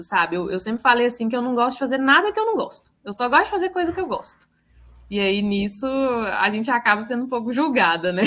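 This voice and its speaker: Uma mulher com sotaque mineiro que conta casos do trabalho numa chamada de vídeo, imitando as falas dos outros com animação. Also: female voice, medium pitch. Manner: animated, quotes herself and others. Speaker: book club participant. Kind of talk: casual storytelling in a video call. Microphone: video call.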